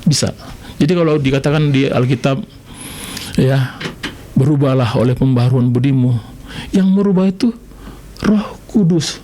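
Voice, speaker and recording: A middle-aged man from Medan giving a lively preaching testimony as a pastor on live radio, jumping between loud exclaims and low asides. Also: moderate pace, long pauses, slight background noise. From Indonesia, Medan. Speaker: pastor guest.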